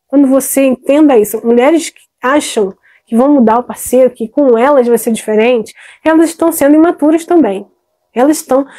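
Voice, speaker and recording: A middle-aged woman speaks as a therapist, her voice pitched high yet mellow and warm in tone. She talks emphatically and conversationally, calling out to her listeners as if they were friends across a table. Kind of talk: direct-to-camera advice talk.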